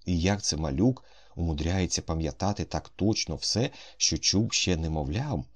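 A man reading a story aloud in expressive first-person narration. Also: deep voice, normal speed. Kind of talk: audiobook narration.

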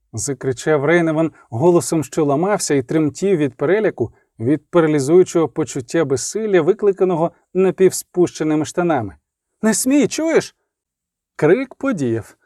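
Man, dramatic audiobook narrator, animated high-ish voice, dry close recording. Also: no echo. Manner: lively, dramatic reading.

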